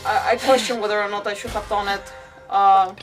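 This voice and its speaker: Speaking a little fast in a mid-range voice with fairly even intonation, a woman rambles hesitantly through casual livestream chat and gameplay commentary, using mild stand-in swears. She sits far from the mic, and faint game music plays in the background.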